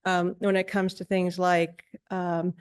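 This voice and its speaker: A woman on a discussion panel, answering in a measured, thoughtful way. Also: fairly low pitch, level tone, a little mellow, clear, resonant tone. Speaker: panelist, field researcher.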